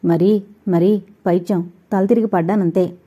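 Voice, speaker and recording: A woman's voice: medium pitch, fairly even intonation, moderate pace, mellow, slightly rough, natural voice. A woman voicing a feverish, distraught young woman in an audio novel, with anguished, pleading speech. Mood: frightened, faint.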